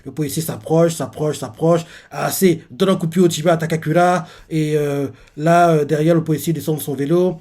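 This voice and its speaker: A man hosting a live reaction stream, recapping a manga chapter panel by panel. He rambles and leans on fillers as he goes, in a voice that sits a little high for a man. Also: fairly even intonation, brisk, hardly any pauses, a little mellow. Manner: rambling, filler-heavy retelling.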